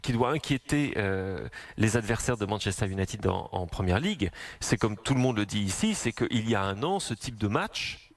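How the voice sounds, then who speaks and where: A man with a hoarse voice giving football analysis on a radio sports talk show, often hesitating and restarting his sentences. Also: lowish voice, lively intonation, normal speed. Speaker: football pundit.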